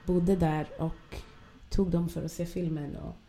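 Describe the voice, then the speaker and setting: Female dancer guest telling stories with lively quoted voices, a touch low-pitched. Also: soft background music. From Ethiopia. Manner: animated storyteller, acts out quotes, laughs often. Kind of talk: casual chat, storytelling.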